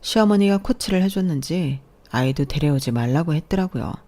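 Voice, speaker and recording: A woman narrating a first-person story in a calm, matter-of-fact way. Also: low voice, a little fast.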